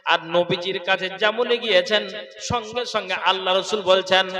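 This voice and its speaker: A man preaching an Islamic sermon, telling a story in a declamatory, chant-like way with drawn-out phrases and calls for listeners to respond. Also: high voice, fairly even intonation, over music. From West Bengal, India. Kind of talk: waz sermon, dramatic storytelling. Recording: echoey hall reverb, distant amplified voice.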